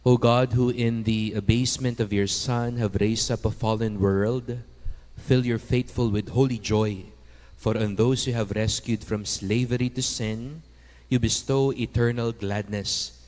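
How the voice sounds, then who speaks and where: A man presiding as priest at Mass, reciting prayers formally in solemn, measured phrases, with a cathedral echo around him. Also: medium pitch, steady tone, a little mellow. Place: large church interior. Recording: long cathedral-like echo of a large church.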